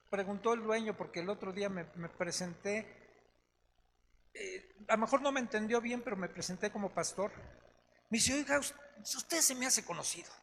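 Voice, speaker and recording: A man's voice: high voice, a bit bright. A man, a pastor teaching a Bible study in a chatty way that keeps checking in with his listeners. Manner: chatty, tags lines with "¿no?" and "¿sí?". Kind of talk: conversational Bible study preaching. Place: church meeting hall. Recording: echoey hall with faint noise.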